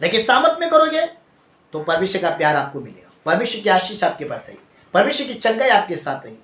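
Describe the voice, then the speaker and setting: A man, preaching a sermon and telling a personal story in an animated way, often adding "है ना" and "Praise the Lord". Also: sits high, fast talker. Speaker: pastor. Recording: echoey, dull lo-fi hall recording.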